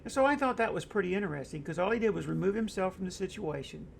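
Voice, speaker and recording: A man's voice: sits high, lively intonation, quick pace, vocal fry, a little hiss or hum. A middle-aged man hosting an online discussion show, talking casually and reading out viewer comments, rambling with many fillers and stories.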